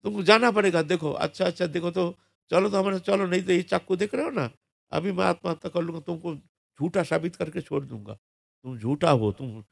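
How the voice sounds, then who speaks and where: A man voicing a poor young Brahmin who is at the end of his rope. He pleads, scolds and insists in a high, strained voice. The sound is gravelly, close and dry. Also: normal speed, dry recording. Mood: indignant pleading.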